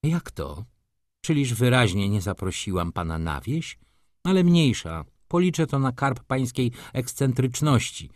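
A man's voice: medium pitch, big pitch swings, a little slow, a little mellow, dry recording, studio quality, voice pushed up. A man reading an audiobook, voicing a haughty, capricious society lady who talks in an offended, reproachful, coquettish way.

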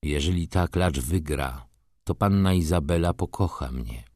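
A man voicing a reserved, quiet middle-aged gentleman who speaks in a subdued way. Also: very deep voice, a little slow, no room sound, clean studio sound, pitched below the performer's own voice.

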